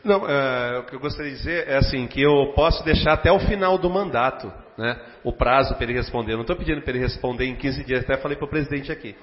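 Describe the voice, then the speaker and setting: A man's voice: medium pitch, fast, few pauses. Hesitant Brazilian councilman in a council chamber. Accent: Brazilian Portuguese. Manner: hesitant, full of fillers, earnest. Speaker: city councilman. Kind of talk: formal debate speech. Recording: dull lo-fi recording with long chamber reverb.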